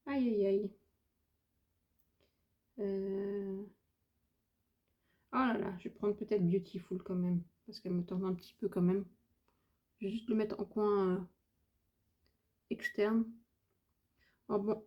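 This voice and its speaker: A woman's voice: mid-range voice, highs cut off. Chatty hesitant French woman vlogger. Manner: chatty, hesitant, thinks aloud with many fillers. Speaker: beauty vlogger. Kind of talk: casual makeup tutorial chat.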